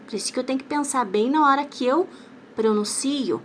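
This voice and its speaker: A woman teacher giving a lesson for children, saying each word slowly and carefully. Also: high-pitched, slight background noise. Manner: slow, over-articulated words for children. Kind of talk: classroom lesson.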